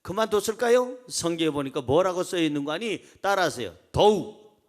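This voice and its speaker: Fairly quick and sitting high, this man's voice carries an animated sermon. As pastor, he performs crowd voices and leads the congregation in reading along.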